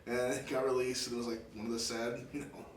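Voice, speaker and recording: A man's voice: mid-range voice, level tone, quick pace, distant mic. A man interviewing in a casual chat, swapping anecdotes. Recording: echoey room, away from mic.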